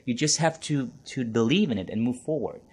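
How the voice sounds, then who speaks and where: German man hosting a podcast, husky voice. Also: medium pitch, expressive, brisk. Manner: earnest, repeats words when searching. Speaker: podcast host. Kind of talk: casual interview chat.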